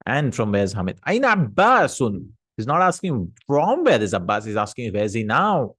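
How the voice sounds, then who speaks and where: Male teacher, mid-pitched, patient, chatty lesson drills, dry close sound. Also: big pitch swings, moderate pace, fairly bright tone, slightly rough, no echo. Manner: patient, explains and drills vocabulary aloud; chatty asides, laughs at himself. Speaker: Arabic teacher. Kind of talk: recorded language lesson.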